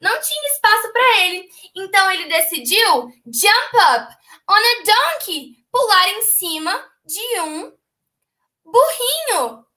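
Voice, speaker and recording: Very high-pitched, lively teacher. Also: female voice, slow. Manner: dramatic gasps, switches between two languages. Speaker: English teacher. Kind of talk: bilingual storytelling lesson.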